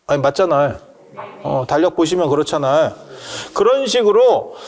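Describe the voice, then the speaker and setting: A man giving a casual Buddhist dharma talk, joking and asking the audience questions as he explains customs. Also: high-pitched. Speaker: Buddhist monk lecturer. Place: temple hall with listeners.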